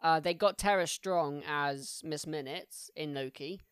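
A man's voice: on the high side, a bit bright, clean tone, no echo. Dry-voiced man ranting on a podcast. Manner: profane, ranting, quick banter. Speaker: podcast co-host. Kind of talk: casual podcast chat.

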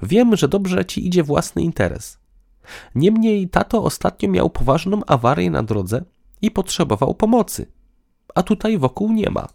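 A man's voice: high-pitched, very animated, measured pace, vocal fry, a little mellow, voice pushed up, exaggerated voice. A man voicing an irritable, sarcastic young woman in an audiobook, with a raised, tense delivery. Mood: chatty. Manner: sarcastic, combative. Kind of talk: audiobook dialogue.

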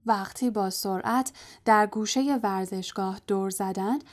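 A woman narrating a storybook in a soft, quiet, even-paced voice. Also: mid-range voice. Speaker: audiobook narrator.

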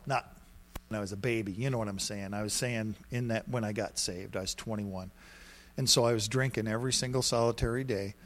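A middle-aged male pastor delivering a sermon in an animated, storytelling way. He punches key words loudly, then drops into quiet, confiding asides. His voice sits at an ordinary pitch.

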